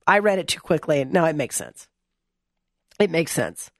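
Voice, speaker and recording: Woman host, opinion talk: blunt, sarcastic, exasperated; reads and mocks text, swoops pitch a lot. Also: sing-song, normal speed, no echo, clean studio sound. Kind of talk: opinion commentary.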